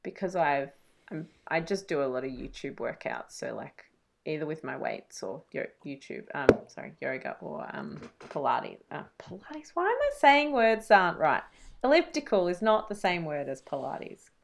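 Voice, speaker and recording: A woman with a low, gravelly, creaky voice repeats short phrases softly during a tapping session. When she chats, she rambles casually with plenty of fillers. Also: very animated, moderate pace. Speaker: guest, nutritionist.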